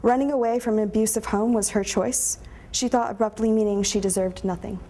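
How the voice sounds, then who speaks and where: A young woman reading a personal story aloud to a live audience at a conference, measured and reflective. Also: mid-range voice, steady tone, warm tone, a little hiss or hum. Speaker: student storyteller. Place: conference room before an audience.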